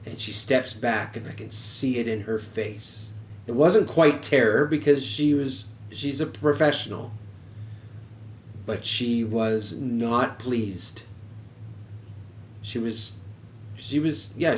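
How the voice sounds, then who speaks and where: Man, casual storytelling, frank, swears freely, unhurried, roomy echo. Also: medium pitch. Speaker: podcast host. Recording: roomy echo, faint background noise.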